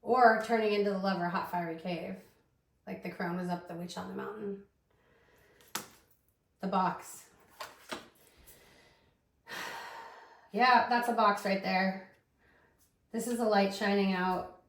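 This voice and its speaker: A woman's voice: medium pitch, fairly even intonation, slow, vocal fry, pauses often, roomy sound. A woman giving a casual tarot reading, rambling and thinking aloud with lots of fillers. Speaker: tarot reader.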